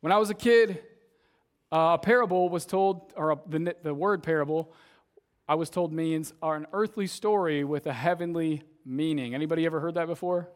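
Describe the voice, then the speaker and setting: Speaking at a moderate pace, this youth pastor, a young man with a somewhat high, slightly hoarse voice from shouting earlier, preaches casually to his congregation. His talk is conversational, and he often tacks "right?" onto his sentences.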